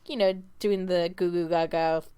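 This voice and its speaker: A woman with a fairly low voice co-hosts a podcast from home. She chats casually and tells stories at length, breaking into laughter often. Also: steady tone, normal speed, warm tone, smooth. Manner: chatty storyteller, laughs often. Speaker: podcast co-host. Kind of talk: casual chat.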